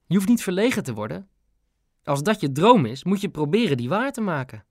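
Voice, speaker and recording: A man's voice: high voice, sing-song, a little fast, no echo, clean studio sound, voice pushed up, exaggerated voice. A man doing a tearful, pleading mother. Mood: gentle. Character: distraught loving mother, middle-aged woman.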